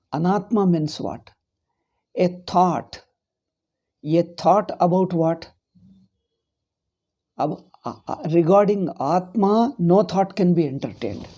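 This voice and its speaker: A man with a South Indian accent teaching a scriptural lesson, deliberately repeating phrases for emphasis. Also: sits high, dark tone, muffled recording. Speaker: teacher of Vedanta philosophy.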